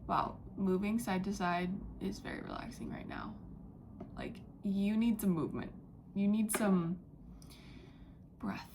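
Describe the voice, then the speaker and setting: A young woman giving a spiritual channeling message, talking in a halting, dreamy way with many fillers and slipping into soft whispers. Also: medium pitch, noisy background. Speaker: psychic channeler. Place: indoors near a window, street and birds outside.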